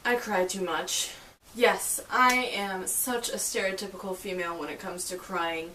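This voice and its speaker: A woman's voice: medium pitch, steady tone, moderate pace, bright, forceful tone. A woman talking to camera in a casual, self-deprecating vlog, chatty and emphatic. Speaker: vlogger. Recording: echoey room, mic at a distance, faint hiss.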